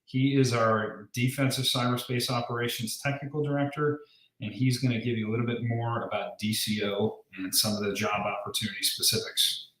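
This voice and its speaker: A man's voice: mid-range voice, little pitch movement, fairly quick, fairly bright tone, roomy sound, low-quality recording. A man giving an informal, explanatory recruiting presentation to a group on a call, as a recruiter listing open positions.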